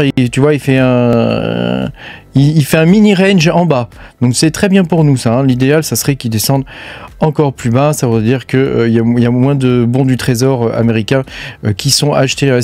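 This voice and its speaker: A man's voice: medium pitch, darkish tone, dry recording. A man from France giving casual, filler-heavy commentary on crypto news over charts, talking straight to the viewer and swearing bluntly. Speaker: crypto mining YouTuber.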